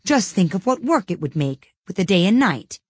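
Woman putting on a polite little storybook girl, careful and timid, breathy voice, lively pitch, dry sound. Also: normal speed, no room sound.

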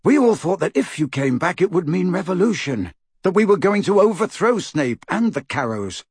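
A man's voice: high voice, very animated, normal speed, slightly rough, no room sound, studio quality, pitched above the performer's own voice, heavily acted. A man voicing an earnest, insistent teenage boy rebel in an audiobook, indignant and loyal. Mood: eager, defensive. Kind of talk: audiobook character voice.

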